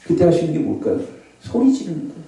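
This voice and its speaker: A man preaching a revival sermon with a warm, mellow voice that swings through a lively range. He sometimes shouts out scripture cries. The recording catches him from across a big, echoing prayer hall. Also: fairly high pitch, fast, creaky. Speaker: pastor. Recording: echoey hall, voice from far off.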